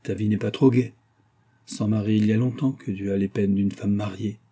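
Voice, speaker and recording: A man playing a gentle middle-aged father, mild and reassuring, husky low voice. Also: steady tone, moderate pace. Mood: kindly.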